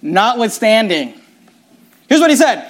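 A man's voice: high-pitched, very animated, unhurried. A man preaching a sermon, reading scripture aloud and arguing his point with emphasis.

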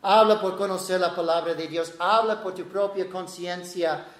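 A man preaching a sermon, animated, swinging from loud to soft and acting out quotes. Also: high-pitched, normal speed. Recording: echoey room.

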